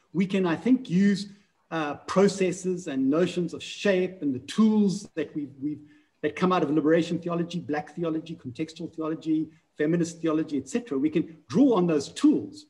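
Higher-voiced man reflecting on theology. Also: a little mellow. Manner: thoughtful, reflective, with repeated restarts. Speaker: theology speaker. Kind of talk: discussion remarks.

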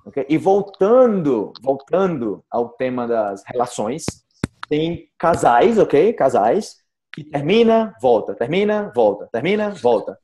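A Brazilian man teaches everyday Portuguese expressions to a group on a video call. His voice sits a little high, and he keeps repeating examples and asking "ok?". The sound is video-call audio. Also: big pitch swings, slow, warm tone. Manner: patient, repeats examples, says "ok?" and "cara" often.

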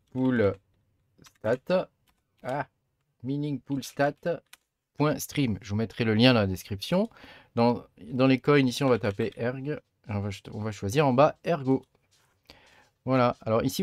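A man walking viewers through a computer setup in a relaxed, chatty way, with lots of fillers and small restarts. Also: mid-range voice, no room sound. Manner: relaxed, chatty, many fillers like "hein" and "euh". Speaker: tutorial host. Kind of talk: casual screen-recorded tutorial.

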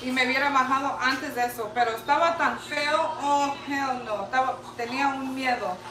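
Young mother co-hosting a livestream; excitable, high voice; echoey, distant, noisy audio. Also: fairly quick. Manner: excitable, mixes in English words. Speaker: co-host, mother. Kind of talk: casual livestream storytelling.

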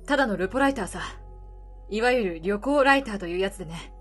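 A woman voicing a middle-aged male travel reporter from a game, world-weary, kindly, calm and measured. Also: faint music behind. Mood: guarded, wry. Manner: calm, low, measured delivery. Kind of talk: reading game dialogue in character.

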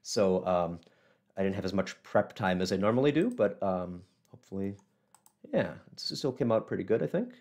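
A very animated man in his thirties, his voice low, darkish and hoarse with a cold, talks at normal speed while hosting a casual local history livestream. Speaking from a small office into a webcam mic, he rambles and fills it with ums and restarts.

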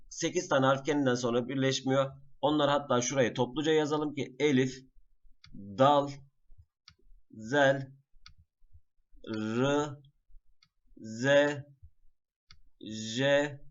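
A man teaching a class in a screen-recorded lesson, patiently naming each item slowly and repeating it. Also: mid-range voice, steady tone, muffled recording. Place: at a computer.

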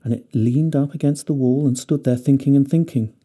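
A man reads a classic fairy tale aloud, gentle and expressive. His voice is dark and mellow, sitting at an ordinary middle pitch. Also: a little fast. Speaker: narrator.

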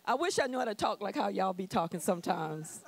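A woman's voice: medium pitch, sing-song, a little fast, vocal fry. A woman pastor preaching a sermon in a bold call-and-response manner to her congregation. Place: church sanctuary.

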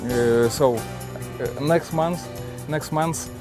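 Russian accent guy explaining stuff in halting broken english, casual interview, music behind him. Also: fairly high pitch. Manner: halting, simple broken English with repeated words. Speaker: adventurer and sailor, interviewee. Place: on a sailboat in a marina, cockpit and cabin.

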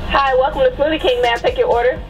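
A woman greeting customers at a drive-thru, heard through the drive-thru speaker in a bright, scripted way. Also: high voice, fairly even intonation, fast talker, music in the background. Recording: distant speaker voice heard from a car.

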